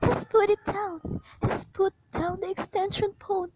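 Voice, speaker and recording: A woman's voice: very high voice, level tone, a little slow, a little mellow, a little hiss or hum, poor audio. A woman playing a frightened bedridden woman alone at night, pleading frantically in an amateur radio play. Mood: panicked. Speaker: invalid caller.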